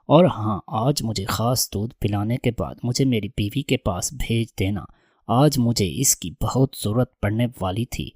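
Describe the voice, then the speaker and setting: A hotheaded young brother-in-law from a read-aloud storybook, read out by a man. The voice sits fairly low and stays close to the reader's own plain tone. The sound is dry and close. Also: a little mellow, no echo, natural voice. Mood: cheerful. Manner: plain reading voice, barely changed.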